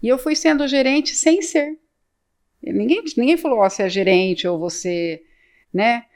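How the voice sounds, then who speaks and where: A São Paulo-interior Brazilian accent colors the speech of a woman in her late fifties who owns a real estate agency and is telling her story as a podcast guest. She's chatty, repeating words as she reenacts old conversations. Her voice runs on the high side, a little mellow, at a measured pace.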